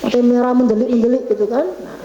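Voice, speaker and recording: High-voiced woman teaching in an echoey room. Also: fairly even intonation, fast, dark tone, dull audio. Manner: chatty, quizzes the audience, slips into Javanese. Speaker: religious speaker at a women's study session. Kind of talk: interactive religious talk to women. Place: government office meeting room.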